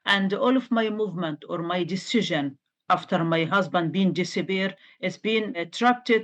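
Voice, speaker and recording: Earnest woman from Egypt, English. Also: mid-range voice. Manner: earnest, insistent, non-native English grammar. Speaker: interview guest. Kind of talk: interview answers.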